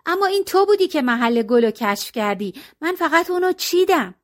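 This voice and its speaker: A woman's voice: sits high, animated, pitched above the performer's own voice. A woman voicing a young girl who speaks insistently and emotionally in an audiobook. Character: young girl Lalita, proud then remorseful.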